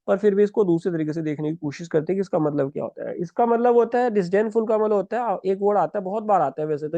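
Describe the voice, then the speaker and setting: A man teaches vocabulary for competitive exams, explaining each word step by step and checking in with his students. His voice sits high, with a mellow, soft-edged tone. The recording is dry, with no room sound, and slightly muffled. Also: dry recording. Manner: explains step by step, often asks "है ना", writing words as he talks. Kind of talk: exam-prep vocabulary lesson.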